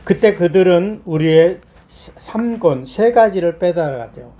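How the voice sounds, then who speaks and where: A middle-aged South Korean pastor preaches a Sunday sermon, explaining point by point in a voice a little hoarse from a cold. His voice is high-pitched and dark in tone, with lively intonation and a measured pace.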